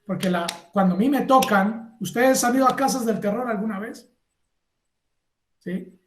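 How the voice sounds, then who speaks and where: A man giving a university lecture, lively, acting out little scenes and asking the class if they follow. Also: high-pitched, moderate pace, roomy sound, a little hiss or hum. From Colombia. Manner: animated, acts out little scenes and asks the class for agreement.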